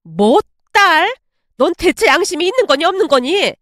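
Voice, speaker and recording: Woman doing angry middle-aged mother, scolding, loud and high, dry sound. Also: sing-song, moderate pace, no echo. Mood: furious. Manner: scolding, shouting.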